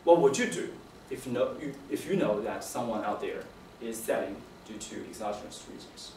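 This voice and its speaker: A young man giving an academic presentation as a PhD candidate, with a halting, hesitant delivery and repeated words. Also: lowish voice, lively intonation, darkish tone. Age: young adult. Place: indoor seminar room. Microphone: distant camera microphone. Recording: echoey room, distant mic, faint noise.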